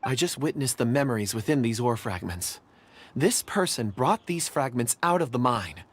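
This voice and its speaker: A man playing a gentle, polite and dreamy young character in a video game, earnest in manner. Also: medium pitch, expressive, normal speed, breathy edge. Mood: intrigued.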